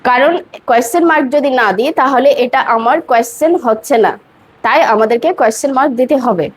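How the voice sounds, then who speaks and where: High-voiced woman teaching English patiently. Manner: patient, repeats phrases slowly and checks understanding. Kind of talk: spoken English lesson in Bengali.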